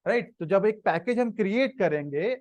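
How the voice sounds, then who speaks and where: A man's voice: high voice, expressive, normal speed, a little mellow, no room sound. A man with an Indian accent teaching a live programming class, mixing Hindi and English and checking in with students. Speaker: programming instructor. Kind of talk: live coding lesson. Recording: dry, slightly dull online class audio.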